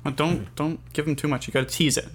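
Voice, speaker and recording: A man's voice: on the high side, steady tone, over a noisy crowd. A man hosting a casual talk show, playful and teasing toward his guest. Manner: playful, teasing, quick to laugh along. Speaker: host. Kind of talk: casual chat.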